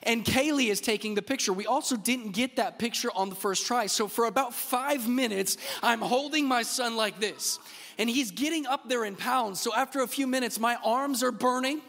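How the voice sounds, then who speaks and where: High-voiced joking pastor in a hall. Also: male voice, normal speed. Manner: lively, joking storyteller talking straight to the crowd. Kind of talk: sermon with personal stories. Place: church stage. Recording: long hall reverb.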